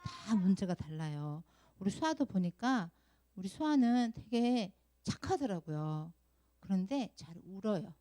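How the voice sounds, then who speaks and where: A middle-aged woman preaching a children's sermon at Sunday school, with a voice of ordinary pitch. She talks in a lively way, keeps asking the children questions, and now and then acts out crying sounds to make a point. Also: measured pace.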